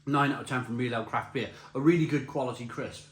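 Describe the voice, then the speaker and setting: A middle-aged British man giving a casual, chatty crisp review while tasting and eating, repeating phrases for emphasis. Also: mid-range voice, fairly even intonation, fast talker. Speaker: snack reviewer. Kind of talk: casual spoken review to camera. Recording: roomy echo, faint background noise.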